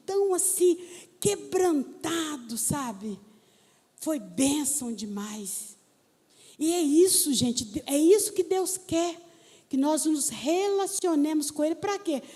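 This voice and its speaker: A woman pastor preaching a sermon, telling stories and talking straight to the congregation in an animated way. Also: high-pitched. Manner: animated storytelling preacher, talks to the congregation directly. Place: church hall. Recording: church hall with long reverb.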